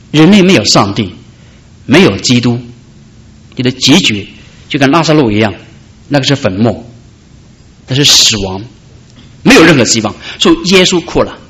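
A man preaching a sermon, calling out loudly at high points and dropping soft in between. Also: very animated, normal speed, long pauses. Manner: preaching with dramatic rises and soft drops. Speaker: pastor.

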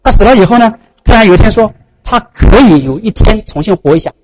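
A man preaching a sermon as pastor, telling stories in an animated way with big swings in his voice. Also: fast. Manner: animated storytelling, frequent pitch swings.

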